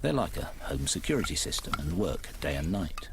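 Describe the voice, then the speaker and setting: Animated man explaining on location, noisy background. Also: rumbling low, brisk. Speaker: wildlife camera operator. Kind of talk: informal explaining to camera in a nature documentary. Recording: clear background noise on location.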